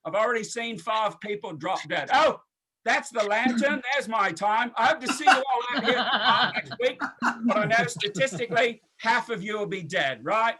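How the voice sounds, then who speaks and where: A man's voice: very high-pitched, animated, moderate pace, over a noisy crowd. A male stand-up comedian on a club stage, tagging his jokes with "okay?" and "right?". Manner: tags lines with "okay?" and "right?".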